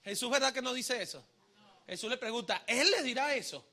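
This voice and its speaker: Expressive and brisk, a very high-pitched male pastor leads a live sermon before his congregation, having them echo phrases back while he shouts the refrains. Jokes slip in between sudden shifts from quiet to loud.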